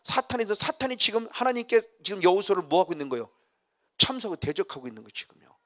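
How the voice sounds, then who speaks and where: A man's voice: sits high, sing-song, racing, a bit bright. A middle-aged man preaching a sermon as a pastor, vividly acting out scenes and reading scripture aloud.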